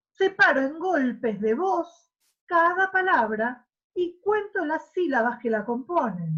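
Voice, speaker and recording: Argentine woman teacher, lively and high. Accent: Argentine Spanish. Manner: animated, exaggerates syllables for demonstration. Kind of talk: online class lecture. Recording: muffled lo-fi audio.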